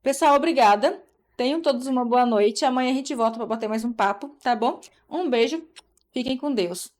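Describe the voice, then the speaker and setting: A woman's voice: a little high, moderate pace. Chatty woman hosting a live stream. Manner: chatty, addresses viewers with tag questions. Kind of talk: casual live-stream chat.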